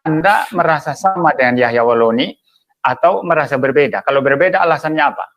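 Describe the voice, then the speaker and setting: A man's voice: fairly high pitch, lively intonation, quick pace, fairly bright tone. A pastor interviewing a guest, asking his questions hesitantly with many fillers. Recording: dull lo-fi audio.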